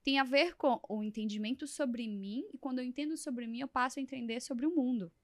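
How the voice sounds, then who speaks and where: A woman hosting an interview, explaining her ideas in a measured, coaching way. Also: sits high, no room sound. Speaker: host. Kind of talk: reflective interview talk.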